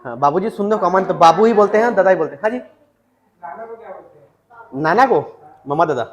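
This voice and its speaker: A male teacher delivers a classroom lecture on Chhattisgarhi vocabulary, dictating and repeating words and putting questions to the class. His high voice moves briskly with lively intonation, and the audio sounds dull.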